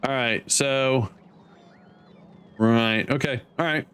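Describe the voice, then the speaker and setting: Streamer, male, relaxed meandering commentary, average pitch, plenty of fillers. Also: slow, clean tone. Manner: rambling, thinking aloud with many fillers. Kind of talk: casual gameplay commentary.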